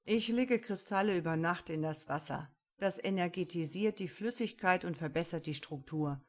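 A woman's voice: fairly low pitch, moderate pace, close to an everyday voice. Jonas Walter, an earnest crystal man, read by a woman. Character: earnest esoteric man lecturing about crystals.

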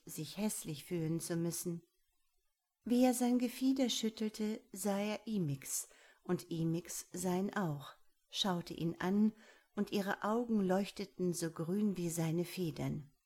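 A woman calmly reading a fable aloud, softly and at times in a near whisper. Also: fairly low pitch, husky. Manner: calm, soft, sometimes whispered narration. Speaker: storyteller.

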